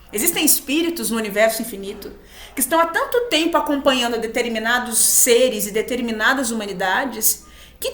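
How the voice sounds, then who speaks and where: A Brazilian woman speaks with a Brazilian Portuguese accent in a fairly high, very lively voice, swinging her pitch as she teaches. Her spiritual talk is emphatic and she voices little quoted exchanges along the way. The sound carries a clear roomy echo.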